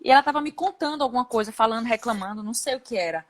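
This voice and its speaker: A woman from Brazil chatting casually as a guest, telling animated stories and laughing as she goes. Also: fairly high pitch, racing. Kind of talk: casual video-call chat.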